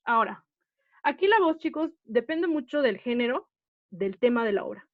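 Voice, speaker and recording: A woman's voice: a little high, animated, moderate pace, dry recording. A woman teaching an acting class, explaining patiently and often checking that the students follow. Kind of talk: online class lecture. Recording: dull, dry lo-fi audio.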